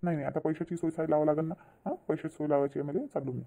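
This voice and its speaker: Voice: medium pitch, steady tone, very fast, gravelly, warm tone, lightly acted. A voice actor playing a kind, trusting husband in a cartoon, soothing and reassuring his wife. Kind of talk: cartoon voice acting.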